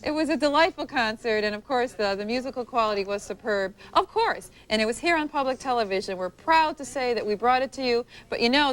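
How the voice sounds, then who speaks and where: Female pledge drive host, high-pitched, chatty live fundraising delivery, ad-libbed.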